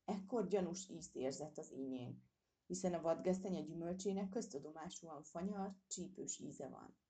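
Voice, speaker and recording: A woman reading a children's storybook aloud with expressive narration. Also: low-pitched.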